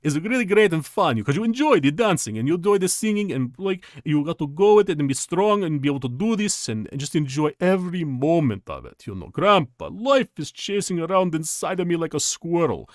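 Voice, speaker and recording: A man's voice: a little high, very animated, brisk, hardly any pauses, no room sound, studio quality, voice pushed up. A man playing a retired Russian ballet dancer in a thick put-on Russian accent, speaking in boisterous broken English. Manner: boisterous, broken-grammar stage lines.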